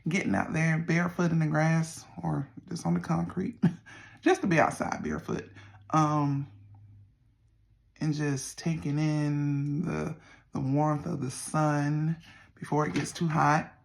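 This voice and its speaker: A middle-aged person with a Southern US accent and a creaky voice, chatting casually to viewers in a folksy, meandering way. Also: medium pitch, flat delivery, a little slow. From Southern United States. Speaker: vlogger. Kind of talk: casual rambling check-in to viewers.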